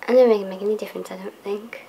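Hesitant young woman, soft dark voice. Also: mid-range voice, steady tone, gravelly, a little hiss or hum, poor audio. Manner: hesitant, halting. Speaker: cast member. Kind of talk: interview chat.

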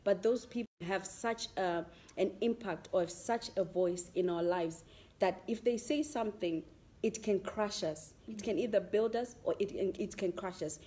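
A woman's voice: mid-range voice, normal speed, mellow. A woman hosting a casual interview chat, laughing often and mixing Shona words into her English. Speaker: host.

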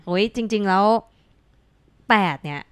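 A woman's voice: mid-range voice, unhurried, a bit bright, smooth, no room sound. A woman co-hosting a live stream, chatting casually and playfully and reading out viewer comments. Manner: playful, chatty, polite particles throughout. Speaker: co-host of an Enneagram live stream.

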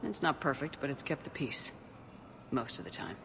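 A composed human starship commander in a game cutscene. She speaks calmly and diplomatically, with long reverb and a murmuring crowd behind. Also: rumbling low, moderate pace, gravelly, heavily acted. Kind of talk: video game cutscene dialogue.

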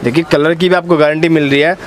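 A man's voice: a little high, steady tone, fast, crowd noise. A man hosting promotional shop-tour commentary, agreeably echoing the seller and addressing the viewers. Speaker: video host. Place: small stock-filled jeans shop, indoors.

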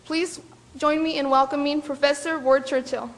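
High-voiced young woman reading an introduction. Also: fairly even intonation, moderate pace. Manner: careful, formal reading with small slips. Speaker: student event organizer introducing a speaker. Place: lecture hall with audience.

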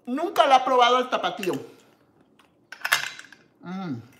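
A woman's voice: fairly high pitch, big pitch swings, unhurried, reverberant. A woman from Mexico hosting a live cooking stream, tasting her dish with contented hums and greeting viewers by name. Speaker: cooking show host.

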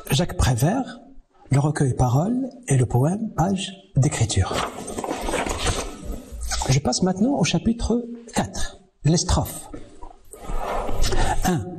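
A man giving a televised university lecture on French verse, slow and deliberate, counting syllables aloud. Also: a little high, noisy background. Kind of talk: televised distance-learning lecture.

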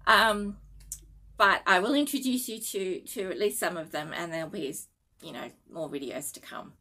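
A middle-aged Australian woman, a needlework designer and vlogger, chats casually to camera from her living room. Sleep-deprived and a little nervous, she giggles and fills her talk with fillers and restarts. Her voice is fairly low, with a sharp tone, at normal speed.

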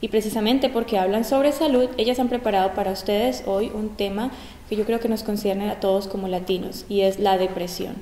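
A woman's voice: mid-range voice, fairly even intonation, a little fast, warm tone, slight background noise. Woman hosting a health talk, echoey gym. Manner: clear, guiding questions. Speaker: host. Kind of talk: community health talk show. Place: large school gym. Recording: roomy echo, long gym reverb.

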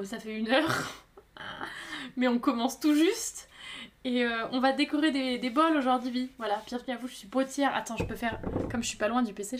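A woman with a high voice chats to her viewers as she works at her pottery. She talks in a lively, excitable way and apologizes often. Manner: chatty, excitable, quick to apologize. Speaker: potter streaming live. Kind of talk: casual live-stream chat.

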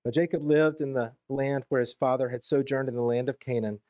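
A pastor with a Southern US accent preaching a sermon in church, reading scripture aloud and adding conversational asides. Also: male voice, medium pitch, fairly even intonation, a little fast, no echo, highs cut off. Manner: conversational, reads verses then adds plain asides. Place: church sanctuary.

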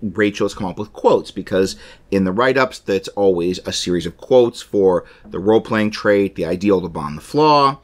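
A man's voice: lowish voice, lively intonation, normal speed. A man co-hosting a podcast in casual chat, explaining things in a chatty way with many restarts. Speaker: podcast co-host.

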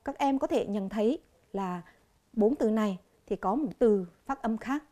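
Vietnamese woman, TV English teacher, warm mellow voice, slow clear drilling of each word. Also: a little high, expressive. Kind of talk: televised classroom lesson.

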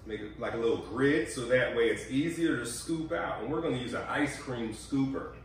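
In his forties, a cooking show host speaks in a mid-range voice at a moderate pace as he chats, coaches and gives health tips during a relaxed demonstration at home. His kitchen sounds echoey, recorded from a distance by a camera mic.

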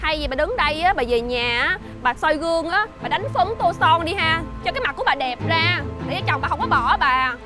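A woman's voice: sits high, animated. A woman playing a brazen young mistress who taunts the wife smugly. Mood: taunting. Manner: taunting, smug, drawn-out sentence tags. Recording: music bed behind.

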